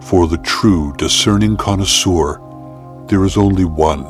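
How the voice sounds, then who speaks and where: A man reading a mock luxury water commercial in a smooth, pompous announcer voice. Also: low voice, measured pace, soft background music.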